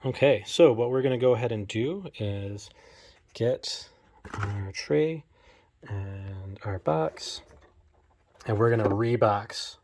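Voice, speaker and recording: A man's voice: lowish voice, slow pace, long pauses, a little mellow. Chatty man unboxing with a phone in hand. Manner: chatty, filler-heavy, self-deprecating. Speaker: collector vlogger. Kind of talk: casual unboxing commentary. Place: home game room. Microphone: phone camera held in one hand.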